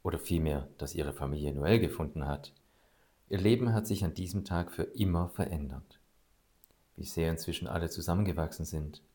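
A man with a very deep voice narrates in a calm, measured way. His tone is dark and mellow. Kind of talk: scripted story narration.

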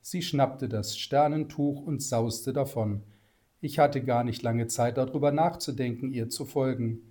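Brief: man narrator, warm and mellow, measured storybook reading. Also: medium pitch.

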